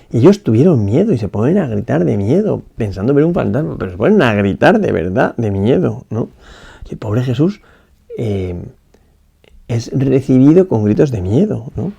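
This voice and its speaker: Slow and reflective, a priest thinks aloud through a gospel passage in a spoken meditation. He has a mellow, dark, mid-range voice with a gravelly edge, and he habitually restarts his phrases and checks in with a questioning tag.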